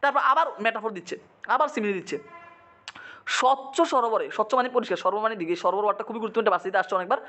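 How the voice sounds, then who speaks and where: A man, teaching a poem line by line. He asks quick check-in questions, repeats meanings, and sometimes slips into English. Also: high-pitched, pushed and bright. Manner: dramatizes quoted lines, mixing in English. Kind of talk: poetry lesson, line-by-line explanation.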